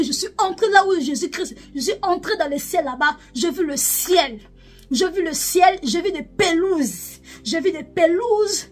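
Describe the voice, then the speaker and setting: A prophetess from DR Congo gives an emotional spoken testimony of a vision, her voice pitched very high. She repeats her phrases over and over and lifts into chanting. Faint music plays behind her. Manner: repetitive, emotional, switching into chanting.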